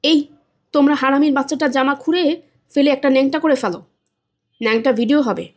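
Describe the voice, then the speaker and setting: A woman's voice: sits high, fairly quick, lightly acted. A woman reading as a brutal bodybuilder thug. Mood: menacing. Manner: coarse, threatening, commanding. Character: menacing bodybuilder thug, adult man, brutal.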